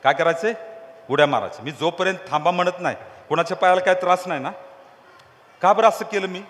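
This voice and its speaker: A man's voice: high voice, fast talker, fairly bright tone. A man preaching to a crowd, teasing them and asking call-and-response questions. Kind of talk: lively sermon with crowd games. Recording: long hall reverb.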